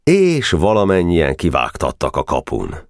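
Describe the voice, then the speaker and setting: A man narrates an audiobook in a very deep voice. His storytelling is expressive, with a lively, varied melody. The recording is dry and close. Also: gravelly, dry recording. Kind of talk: audiobook reading.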